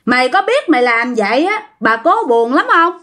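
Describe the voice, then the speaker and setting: A woman's voice: fairly high pitch, animated, moderate pace, a bit bright. A woman voicing the spirit of a dead young man who speaks through a living relative and scolds harshly. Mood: angry scolding.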